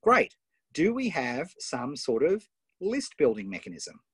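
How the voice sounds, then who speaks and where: An Australian man hosting a live online coaching session, enthusiastic and firing off quick questions over a video call. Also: mid-range voice, wildly swooping pitch, slightly rough, no echo. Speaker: host and coach.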